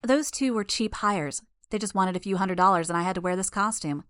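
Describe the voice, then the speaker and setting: A woman's voice: mid-range voice, brisk, no room sound, clean studio sound. A woman voicing a smug young female villain who speaks through a hissing gas mask, taunting her foes. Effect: robotic monotone hiss.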